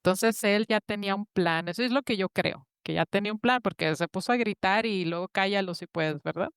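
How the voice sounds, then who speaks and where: A woman talks earnestly in a faith-based interview, acting out the voices of people in the Bible stories she retells. Her voice is smooth and resonant at a middle pitch. The sound is dry and close. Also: brisk, no room sound.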